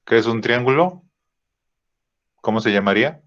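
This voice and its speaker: A man teaching a drawing software lesson, thinking aloud with fillers and checking in with "¿sí?" after each step. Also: medium pitch, animated. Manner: slow, checks in with frequent "¿sí?" and "¿no?"; thinks aloud with "este" fillers while clicking. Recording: dull lo-fi recording.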